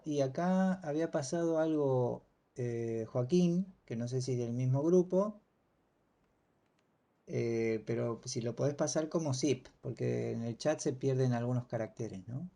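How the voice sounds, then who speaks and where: Man, mellow voice, teacher on a video call, hesitant. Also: mid-range voice, gravelly. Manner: relaxed, hesitant, many fillers. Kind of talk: casual online class.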